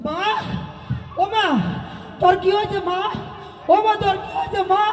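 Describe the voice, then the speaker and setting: A desperate young man begs his mother for pills in a live stage drama, played by a man. He wails and shouts in a very high, strained voice. The sound carries through a large echoing hall, with a faint audience behind. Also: a little slow, a faint crowd, slight background noise. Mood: grieving. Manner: wailing, pleading, shouting. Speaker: stage actor.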